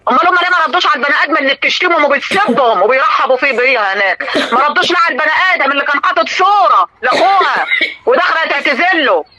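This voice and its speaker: Fast, indignant older Egyptian woman. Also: high-pitched, expressive, pushed and bright, poor audio. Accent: Egyptian Arabic. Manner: indignant, scolding, rapid-fire. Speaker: live stream host. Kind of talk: heated live-stream talk to viewers and a caller.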